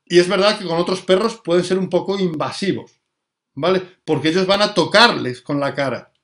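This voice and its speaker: A man's voice: high voice, fairly quick, a bit bright. A man, a dog trainer explaining things in a live talk and answering viewer questions, often checking in with his listeners.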